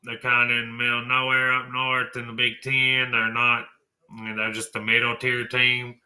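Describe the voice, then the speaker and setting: A man's voice: medium pitch, monotone, moderate pace, sharp tone. A man hosting a college football talk show, blunt and folksy, tossing in mild swearing. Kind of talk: opinionated sports talk.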